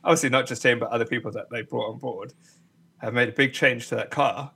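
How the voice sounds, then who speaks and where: A man's voice: medium pitch, fairly even intonation, fast talker, creaky, sharp tone, husky. A man co-hosting a podcast, chatting casually and thinking aloud. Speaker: podcast co-host. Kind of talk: casual chat.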